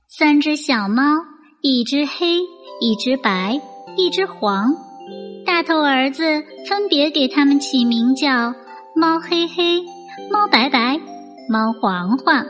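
A woman telling a bedtime story to small children in a gentle, coaxing fireside storytelling manner. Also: high voice, animated, takes it slowly. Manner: coaxing, addressing young listeners as little darlings. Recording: long reverb with music bed. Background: music.

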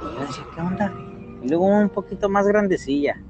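A man's voice: high voice, expressive, fast, muffled recording, music in the background. A man with a Mexican accent telling paranormal stories in a casual chat, acting out quotes and sound effects. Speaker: storyteller guest.

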